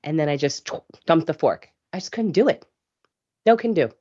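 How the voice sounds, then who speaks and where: Woman host, low-pitched, hoarse from a cough, chatty and rambling, dull lo-fi stream audio. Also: lively intonation, normal speed, warm tone. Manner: chatty, rambling, laughs easily. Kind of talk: casual live show chat.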